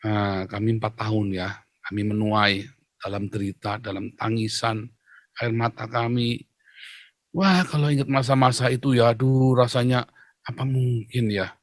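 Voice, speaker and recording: A man's voice: mid-range voice, steady tone, moderate pace, no room sound. A man, a pastor hosting a live stream, talks casually, jokes around and confesses his past with emotion. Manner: joking, then confessional and emotional. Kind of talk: casual preaching chat.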